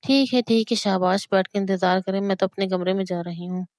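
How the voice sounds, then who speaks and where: A woman's voice: medium pitch, brisk, darkish tone, dry recording, natural voice. Lady reading as a cheeky childish girl of eighteen, playful, dry sound. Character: teasing, childish eighteen-year-old girl.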